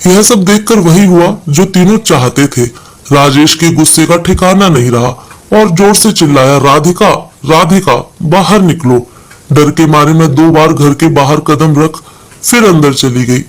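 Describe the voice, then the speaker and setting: Man narrating with a slightly high voice. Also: normal speed, rough recording. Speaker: storyteller. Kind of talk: scripted first-person story narration.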